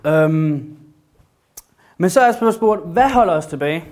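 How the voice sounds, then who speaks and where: A man delivers a casual sermon with a slightly high voice. He sounds excited and talks loosely, with plenty of hesitations and restarts. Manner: enthusiastic, many fillers and restarts. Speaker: preacher. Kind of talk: informal sermon with Bible reading.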